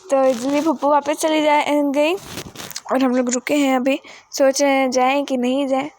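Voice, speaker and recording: A young woman tells a rambling family story for her vlog, dropping English words into her sentences. Her voice sits high. She sounds relaxed and chatty as she walks through the village outdoors. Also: normal speed, a little hiss or hum. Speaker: vlogger. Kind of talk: casual family vlog narration.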